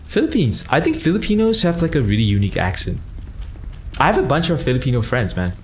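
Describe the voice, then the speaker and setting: A young man from Malaysia rambles through a casual livestream chat, his pitch jumping around animatedly as he thanks viewers. A faint hum of room noise sits behind him. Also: sing-song, quick pace. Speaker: streamer.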